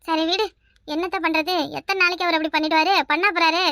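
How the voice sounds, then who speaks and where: A woman's voice: very high-pitched, fairly even intonation, quick pace, bright, forceful tone, dry recording, clean studio sound. A woman voicing a soothing, placating young village woman in a cartoon, speaking with a Kanyakumari Tamil accent. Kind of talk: cartoon voice acting.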